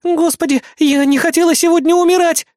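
A frantic young female assistant, shrieking, tearful and furious, pitched far above the reader's own voice, as a man voices her. She sounds loud and strained. The sound is dry and close. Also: steady tone, a little fast, no room sound. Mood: panicked.

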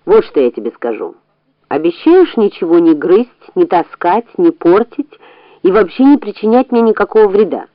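A woman's voice: medium pitch, big pitch swings, normal speed, no room sound, lo-fi sound, lightly acted. A woman voicing a stern, blunt farmer, master of the house, in a storybook reading, speaking firmly and scolding. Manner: firm, scolding.

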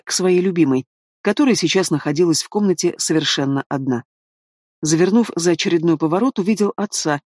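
A man reading a fantasy story aloud in the first person, with steady storytelling delivery. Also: on the high side, no echo, studio quality. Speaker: audiobook narrator. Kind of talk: scripted first-person narration.

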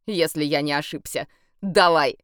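A woman's voice: low voice, normal speed, a bit bright, clear, resonant tone, dry recording. A woman voicing a lovestruck, brash young male vampire in an audiobook, dreamy and pushy in manner, recorded close and dry. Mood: eager.

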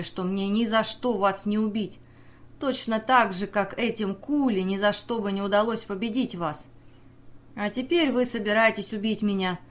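A desperate young sailor pleads and accuses in an intense, pressing voice, as a woman reads him in an audiobook. The delivery sits at a medium pitch, urgent and searching. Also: close to an everyday voice. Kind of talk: audiobook character reading.

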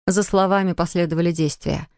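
A woman narrating a literary novel in an even, measured storytelling voice. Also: lowish voice, vocal fry, dry recording, clean studio sound. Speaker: audiobook narrator.

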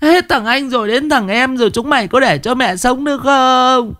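Man playing a mom wailing high and loud over her sons. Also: moderate pace. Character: wailing middle-aged mother.

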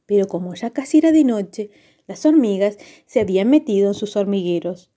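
A woman narrating a children's story on the radio in a gentle, expressive way. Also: mid-range voice, brisk.

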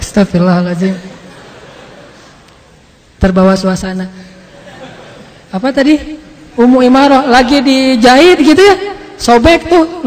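A man preaching as an Islamic teacher, telling a story in an animated, conversational way and acting out quotes. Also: extremely high pitch, slight background noise. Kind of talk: storytelling sermon. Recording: long hall reverb.

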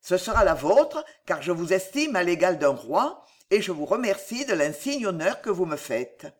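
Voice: medium pitch, sing-song, normal speed. Stately nobleman, as the reader puts him on, formal and ceremonious, audiobook. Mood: solemn. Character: dignified older male nobleman. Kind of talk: audiobook character reading.

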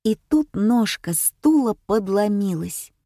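A woman's voice: mid-range voice, lively intonation, takes it slowly, mellow, dry recording, studio quality. Woman narrating a storybook. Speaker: audiobook reader.

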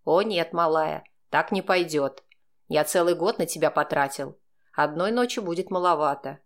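A smug young man drawls his taunts in a low, mocking voice that drips with insinuation, as a woman narrator puts him on. He sounds sure of himself and openly scornful, and his story voice sits well below her own. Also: moderate pace. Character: brash mocking male student, young man.

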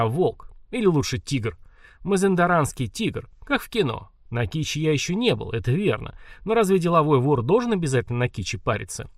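A man's voice: mid-range voice, no room sound, studio quality. A man voicing a boastful teenage wannabe thug who talks in criminal slang. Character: loud boastful teen male wannabe thug.

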